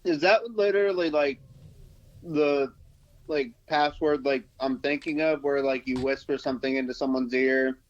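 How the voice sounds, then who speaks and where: A man's voice: medium pitch, fairly even intonation, normal speed. Blunt podcast guy, dull lo-fi mic. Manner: short, blunt replies. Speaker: podcast co-host. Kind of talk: casual chat.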